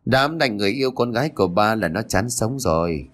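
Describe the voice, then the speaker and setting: A man's voice: lowish voice, lively intonation, fairly quick, fairly bright tone. A man voicing a doting, domineering middle-aged father in a read-aloud story. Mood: indulgent.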